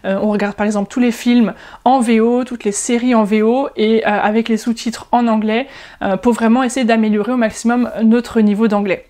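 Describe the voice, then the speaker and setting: A woman from France in her thirties, talking casually to camera in a vlog with frequent pauses and restarts. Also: on the high side, fairly even intonation, mellow. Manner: chatty, many hesitations and restarts. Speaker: language-learning YouTuber.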